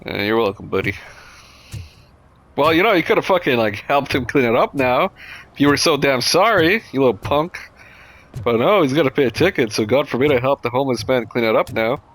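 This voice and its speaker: A man's voice: mid-range voice, animated, a little fast, a bit bright. A man giving casual, profane, slangy reaction commentary while playing a video game. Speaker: gameplay streamer.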